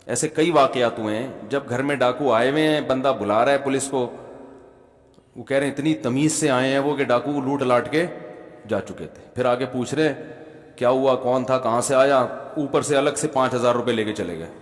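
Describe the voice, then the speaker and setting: A man with a Pakistani Urdu accent preaching a sermon, telling a funny personal story and often calling the audience brother. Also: mid-range voice. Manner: humorous anecdotal, addresses audience as brother. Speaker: Islamic preacher. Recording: long hall reverb.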